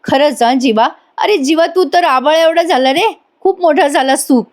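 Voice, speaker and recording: A doting old uncle praises his nephew and blesses the family, his voice lifting high with emotion, as a woman reads his lines. He speaks in warm, drawn-out phrases that often slow as he is overcome. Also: close to an everyday voice. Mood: moved.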